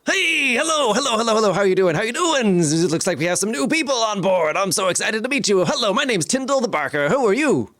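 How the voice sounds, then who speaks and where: A gushing, pushy carnival barker, put on by a man, all high excitement and swooping enthusiasm. He fires off one eager question after another. The sound is dry and close. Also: fast, few pauses, dry recording. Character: overeager male carnival barker, soulless tour guide.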